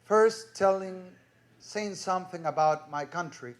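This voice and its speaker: Slow-speaking Ecuadorian man in his thirties. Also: high voice. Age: 30s. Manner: earnest, measured, personal anecdotes. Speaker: conference speaker. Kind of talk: conference talk.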